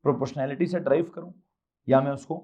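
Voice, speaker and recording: A man's voice: medium pitch, steady tone, a little mellow. A male physics teacher with a Pakistani Urdu accent, lecturing a class and firing off questions he answers himself. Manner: quizzing, answers his own rapid questions.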